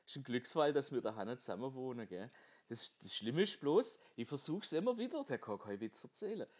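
Very animated, a man with a medium-pitched, slightly mellow voice tells jokes in a casual podcast monologue. He's chatty and quick to laugh at his own punchlines, recorded on a headset microphone.

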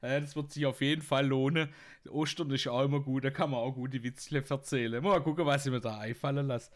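A man's voice: medium pitch, fairly even intonation, a little fast. A middle-aged man with a Swabian German accent, casually telling jokes as host, chuckling often and tagging lines with a questioning "gell".

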